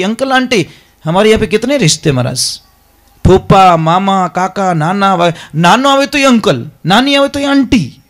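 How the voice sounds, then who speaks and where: A man preaching a devotional sermon, emphatic and repeatedly calling his listeners maharaj. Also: a little high. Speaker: religious preacher.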